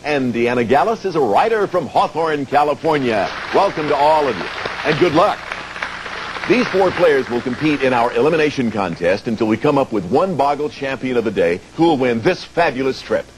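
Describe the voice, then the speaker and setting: Lively American male game show host. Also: medium pitch, normal speed, a faint crowd, a little hiss or hum, rough recording. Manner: clear step-by-step explaining, addressing players and viewers. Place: TV studio.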